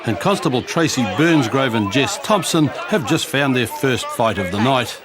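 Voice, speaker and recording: A man's voice: medium pitch, expressive, normal speed. A man with a New Zealand accent delivering scripted television documentary narration. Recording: crowd and street noise behind.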